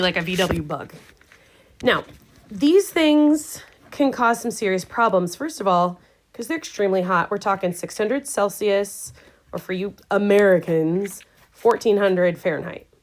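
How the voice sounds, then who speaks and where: A woman's voice: fairly low pitch, low-quality recording. A woman science teacher giving a casual, chatty recorded lecture full of wry asides and fillers. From Indiana, US. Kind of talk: recorded class lecture over slides.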